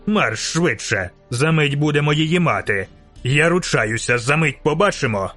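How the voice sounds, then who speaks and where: A man's voice: a little high, animated, moderate pace, sharp tone, soft background music. A man voicing a tired, dogged male mercenary leader who gives insistent, clipped orders in an audiobook.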